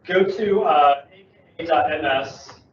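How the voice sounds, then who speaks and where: A man's voice: a little high, measured pace, a little hiss or hum. A man giving a chatty, upbeat talk at a tech user-group meeting, joking as he explains. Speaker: Microsoft security presenter. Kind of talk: casual meetup talk. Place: meeting room. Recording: echoey room from far, dull mic.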